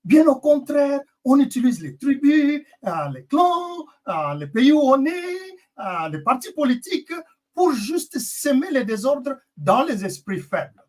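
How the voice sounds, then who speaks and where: A woman making an impassioned political address to her compatriots, forceful and rhetorical. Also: sits high, very animated, unhurried. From Congo. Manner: forceful, rhetorical, appeals to the audience. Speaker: interpreter and guest.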